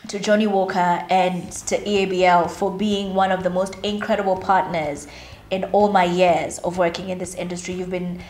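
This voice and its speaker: A woman in her thirties talking candidly to camera about her career, chatty and at times close to tears. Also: mid-range voice. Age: 30s. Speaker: media personality and vlogger. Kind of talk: emotional reflective talk to camera. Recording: roomy echo with faint music.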